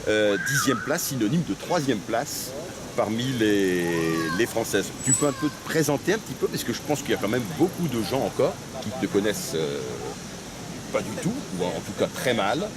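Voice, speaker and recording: A man's voice: mid-range voice, animated, normal speed, background noise. A man interviewing a runner after a mountain race, hesitant, with many fillers and tag questions. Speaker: sports interviewer. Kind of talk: outdoor post-race interview.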